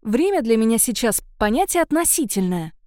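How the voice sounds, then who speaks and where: A jumpy ghost of a young witch girl, put on by a woman narrator answers in a raised, quick and defensive voice. Beneath the brightness the tone stays mellow. The sound is close and dry. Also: a little high, sing-song, no room sound. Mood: anxious.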